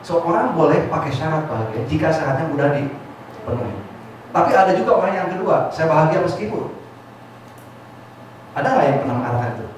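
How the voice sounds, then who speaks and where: A man's voice: on the high side, brisk, long pauses. A man giving a motivational seminar talk who keeps calling on the audience to answer, mixing in English phrases. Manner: lively, calls on the audience to answer. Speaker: motivational speaker. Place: large hall with an audience. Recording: echoey hall, far mic, noisy.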